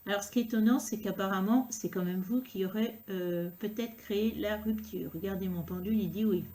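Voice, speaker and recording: Mellow-voiced woman giving a tarot reading. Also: mid-range voice. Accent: regional accent, unnamed. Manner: unhurried, filler-heavy talk with frequent "hein" and "euh". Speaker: tarot card reader. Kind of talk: tarot reading addressed to the viewer.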